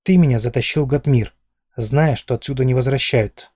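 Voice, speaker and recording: A sharp-tongued young princess, held captive, who mocks her jailer with sarcastic defiance, as a male reader puts her on. The voice stays mellow and dry, with no room sound. It reads like a storybook. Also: medium pitch, normal speed, husky, dry recording, close to an everyday voice. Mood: defiant.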